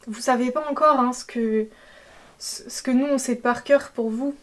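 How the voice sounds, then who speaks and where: A woman giving an intuitive tarot reading, talking hesitantly with many fillers and a gentle tone. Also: on the high side, steady tone, normal speed. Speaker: tarot reader. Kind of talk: intuitive card-reading guidance.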